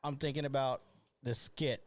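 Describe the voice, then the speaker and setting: A man's voice: medium pitch, fairly even intonation, normal speed. A man co-hosting a casual reaction chat who is giggly and laughs often between his comments. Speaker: co-host reacting to a video.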